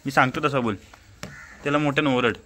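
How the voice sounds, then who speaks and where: A man's voice: mid-range voice, fairly even intonation, fast talker, background noise. A man with a Marathi accent filming a vlog, coaxing and teasing a small child in casual chat and repeating his prompts.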